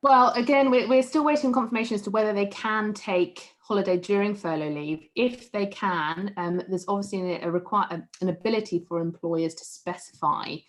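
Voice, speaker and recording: A woman on an online panel, explaining employment and tax rules in a clear, measured, professional way. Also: medium pitch, steady tone.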